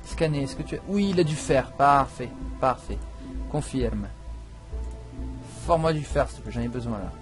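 A man giving casual, excitable gameplay commentary, swearing and breaking into loud outbursts as he plays. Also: mid-range voice, normal speed, faint music behind. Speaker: let's play gamer.

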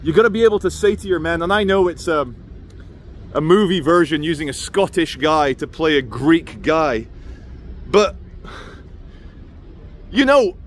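Higher-pitched man with whistling sibilants. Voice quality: slight whistle on "sh" sounds. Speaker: vlogger. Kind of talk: rambling opinion monologue to camera. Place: busy open city square outdoors. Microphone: phone at arm's length. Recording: noisy outdoor city ambience with traffic.

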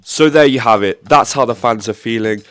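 A man's voice: medium pitch, brisk, fairly bright tone. A man giving scripted, upbeat voice-over narration for a matchday vlog. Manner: clear, upbeat tour narration. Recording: music behind.

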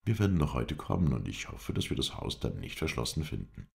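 A man voicing a calm, firm male traveller who questions people in a curt, businesslike way. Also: rumbling low, fairly quick, creaky, exaggerated voice.

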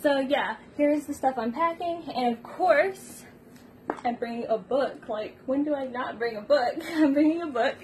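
A young book vlogger chats casually from her small bedroom, holding her phone at arm's length and rambling with fillers and giggles. Her voice is high, her pace measured, and there's some background noise.

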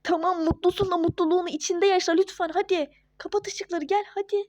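A woman's voice: extremely high pitch, steady tone, a little fast, dry recording. A girl doing a firm, scolding young wife. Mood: hushing. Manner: scolding, hushing and pleading. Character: young wife and mother, hurt but firm and sensible. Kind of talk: home-made toy-game role-play.

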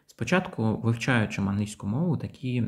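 A man's voice: mid-range voice, expressive, moderate pace. A man teaching English pronunciation, patiently explaining each sound and modelling example words. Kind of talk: pronunciation lesson.

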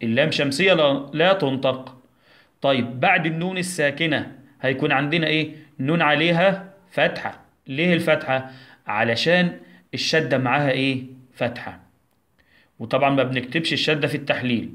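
A man with an Egyptian Arabic accent, a primary school teacher giving a recorded lesson for young children, who asks questions, answers them himself, and slowly sounds out syllables. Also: a little high, a bit bright.

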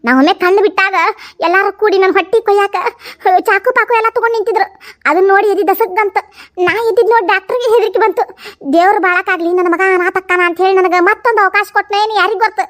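A woman's voice: very high voice, fairly even intonation, fast talker, fairly bright tone. A woman with a North Karnataka accent in a village comedy skit, firing off blunt, scolding questions. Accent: North Karnataka Kannada. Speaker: comedy sketch performer.

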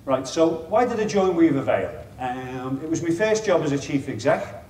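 A middle-aged man with a Liverpool accent, speaking as a chief executive, gives an informal, wry presentation to an audience in a meeting room, poking fun at himself along the way. His voice is on the high side with a darkish tone, lively intonation and normal speed. The reverberant lapel-mic recording sounds distant, with a little hiss or hum.

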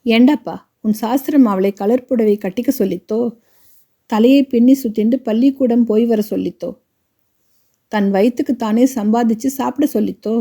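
A woman's voice: fairly high pitch, warm tone. A woman voicing an elderly widowed grandmother who talks with impassioned, reproachful pleading.

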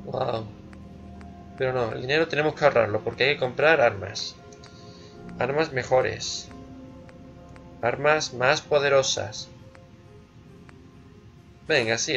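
A man's voice: mid-range voice, gravelly, a bit bright, muffled recording. A man giving casual, playful let's play commentary, musing aloud and repeating words. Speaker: gamer, let's play host.

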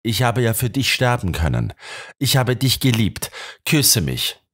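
A loving young woman, frightened and desperate, her words pleading one moment and faint and tender the next, as a male reader puts her on. Her voice swings widely in pitch, an audiobook character drawn with feeling. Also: big pitch swings, measured pace, a bit bright. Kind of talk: audiobook reading.

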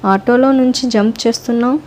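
A woman's voice: on the high side, steady tone, brisk, darkish tone, close to an everyday voice. A woman voicing a stern mother scolding her daughter with reproachful questions.

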